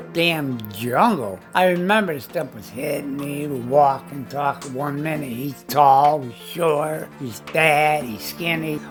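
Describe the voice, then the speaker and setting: A man telling a rambling, profane anecdote in a casual spoken style. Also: on the high side. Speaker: storyteller.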